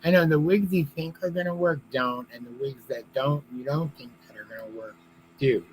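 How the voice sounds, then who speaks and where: A man's voice: medium pitch, moderate pace, low-quality recording. A man chatting casually, talking out of the side of his mouth, as a guest on a livestream. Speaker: drag queen, guest on a livestream. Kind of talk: casual chat. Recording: clear background hum and noise.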